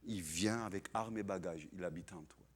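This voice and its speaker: A man preaching a sermon in as pastor, animated and dramatic, acting out quoted voices and swinging between loud bursts and hushed asides. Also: deep voice, moderate pace, slightly rough.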